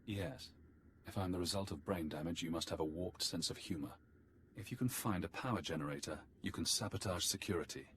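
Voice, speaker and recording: Game casting: calm, wry ghostly spymaster, low voice, measured and dry, over noisy ambience. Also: male voice. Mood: dry, conspiratorial. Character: secretive dead man advising as a hallucination, wry and calm. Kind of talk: video game voice acting.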